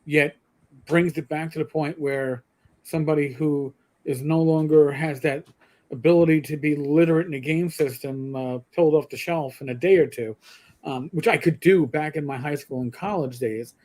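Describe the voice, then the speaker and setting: Speaking at normal speed in a slightly high, slightly mellow voice, this middle-aged livestream co-host rambles casually about games, stammering into restarts and swearing now and then.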